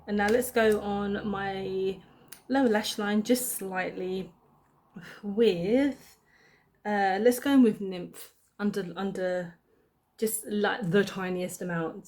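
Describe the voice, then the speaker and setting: A woman's voice: mid-range voice, fairly even intonation, slow, a little mellow. A young woman chatting casually as she applies her makeup, thinking aloud and correcting herself as she goes. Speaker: beauty vlogger. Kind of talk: casual makeup tutorial chat.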